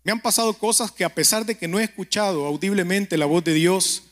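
A man preaching a conversational sermon and prayer, telling stories, speaking straight to the listener and often checking in with a quick question. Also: high voice, fairly bright tone. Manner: keeps asking the listener "¿verdad?".

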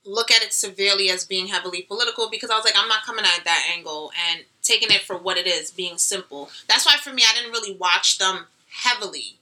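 A young woman co-hosting a casual chat show, animated and slangy, laughing often. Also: mid-range voice, quick pace, few pauses, poor audio. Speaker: podcast co-host.

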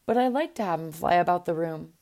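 A woman plays a spirited young princess in a storybook, short and curt with her sisters. The voice stays low and mellow. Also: lively intonation, fast talker.

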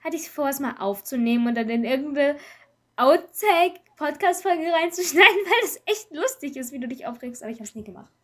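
High-voiced, animated woman chatting. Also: fairly quick. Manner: animated, rambling, often laughing. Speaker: podcast co-host. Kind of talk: casual podcast chat.

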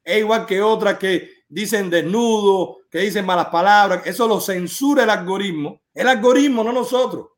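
Insistent high-voiced man. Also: moderate pace, hardly any pauses. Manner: insistent, argumentative, lecturing. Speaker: host of a live stream. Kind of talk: live stream debate with a caller.

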